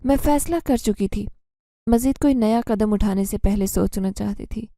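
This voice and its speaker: A woman reading a scripted first-person horror story in a soft, sorrowful manner. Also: mid-range voice, no echo, clean studio sound.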